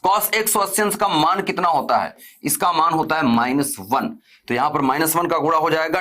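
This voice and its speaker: Man, physics teacher, online lecture, higher-pitched voice, quizzes students, repeats terms. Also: a bit bright. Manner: asks students questions and answers them himself, repeats key terms; stern when telling students to stop chatting.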